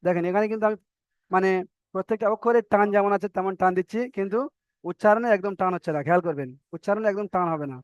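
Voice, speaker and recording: A man teaching a recorded online reading class, drilling letters slowly one by one and explaining in quick bursts. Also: high-pitched, clean tone, no room sound, dull audio.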